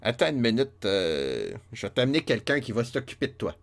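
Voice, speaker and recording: A man voicing a gruff, chubby Irish innkeeper who barks brusque, impatient questions. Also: mid-range voice, big pitch swings, brisk.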